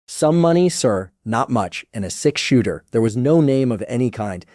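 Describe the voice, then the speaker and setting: For an audiobook, a man voices a rustic English head gamekeeper, plain and earnest, who addresses his master with deference and respect. The mid-range voice is animated, moderately paced and dark-toned, pitched above the performer's own voice yet still natural. The recording is dry with clean studio sound.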